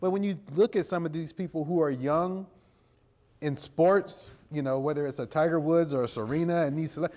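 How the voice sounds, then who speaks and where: Speaking fairly quickly in a mellow, fairly high voice, the middle-aged American man fields interview questions in front of an audience. A creative director and video producer, he explains as he goes and keeps checking in with "you know" and "right?"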